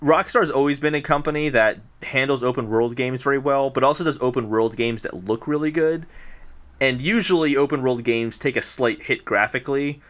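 A man co-hosting a casual podcast, explaining things in a relaxed way. His voice has a bright, forward edge. He keeps it loose and uses small fillers as he goes. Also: medium pitch, moderate pace. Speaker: podcast co-host. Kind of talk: casual chat.

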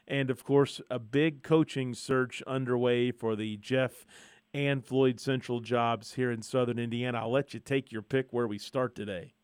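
A man's voice: medium pitch, steady tone, unhurried, smooth, no echo, clean studio sound. A man hosting a sports radio talk show in an easygoing, conversational way. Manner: easygoing, conversational, lays out the show's topics. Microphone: studio microphone.

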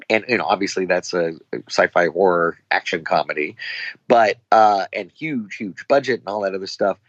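A fairly low-voiced man chats loosely as a guest and slips into quoted dialogue as he tells his stories. The sound is dull and lo-fi in a dry space with no room echo. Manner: rambling, acts out quoted dialogue. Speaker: actor guest. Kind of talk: casual anecdotal chat.

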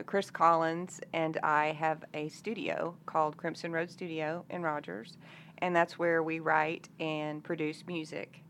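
A country singer-songwriter from Arkansas, United States, a woman in her fifties, chats casually as an interview guest. Her voice is deep with a slight brightness, and there's some noise in the background.

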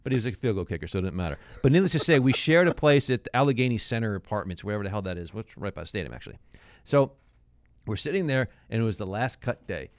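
Profane, storytelling man, animated pitch. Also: fast, no echo. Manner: profane, rambling anecdotes. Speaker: former pro football player. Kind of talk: casual podcast storytelling.

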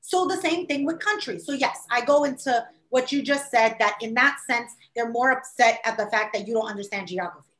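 A New York City woman with a Puerto Rican-influenced New York accent chats casually, animatedly acting out quoted voices. Her voice is a little high and brisk, with hardly any pauses. The room she's in is echoey.

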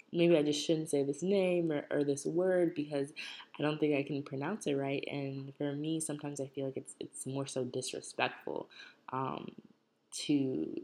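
Reflective woman co-host, low gravelly voice. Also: darkish tone. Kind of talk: casual discussion.

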